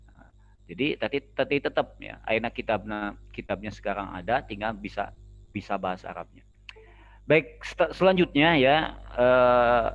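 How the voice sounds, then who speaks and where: A man's voice: on the low side, creaky, fairly bright tone, lo-fi sound. A man with a Sundanese accent giving an informal lecture, explaining step by step and repeating key terms. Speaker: Islamic studies lecturer.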